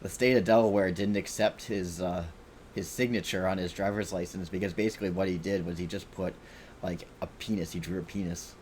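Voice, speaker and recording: Low-voiced man cursing through gameplay. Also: steady tone, fairly quick, darkish tone, a little hiss or hum. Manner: rambling, profane, self-talking. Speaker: game streamer. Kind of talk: casual gameplay commentary.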